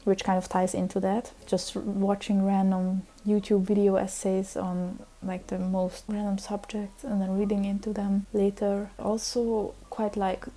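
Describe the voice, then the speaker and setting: Speaking at a measured pace with few pauses, this native Hungarian vlogger in her twenties has a mellow, medium-pitched voice and a level tone. She chats casually, wandering off track and filling her talk with fillers and restarts.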